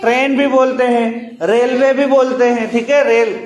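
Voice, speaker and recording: A man's voice: very high voice, little pitch movement, normal speed, crowd noise. A man teaching a class of young children. He coaxes them patiently through words and sentences, repeating each one. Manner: patient, coaxing, repetitive drilling. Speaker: primary school teacher. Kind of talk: classroom lesson. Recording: echoey noisy classroom.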